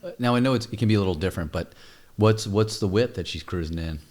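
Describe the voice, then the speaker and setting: A man's voice: on the low side, quick pace, darkish tone. A man co-hosting a podcast, chatting and teasing playfully. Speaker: podcast co-host. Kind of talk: casual chat.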